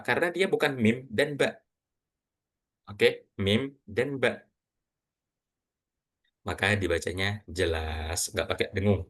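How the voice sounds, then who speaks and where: A man teaching Quran reading to a class, quizzing students and slowly reciting example words. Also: deep voice, fairly bright tone. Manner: patient, asks students questions, models recitation slowly.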